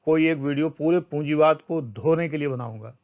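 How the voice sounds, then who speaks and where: An older Indian man who teaches civil services exam prep lectures an online class at a normal pace. He is emphatic and scolding, swinging between loud outbursts and quiet asides.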